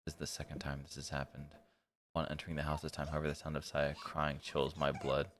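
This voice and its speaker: Reading a visual novel aloud dramatically on stream, this man keeps interrupting himself with blunt, slangy, casual comments. He talks fast in a rumbling low, completely flat voice, over loud game music and a little hiss or hum.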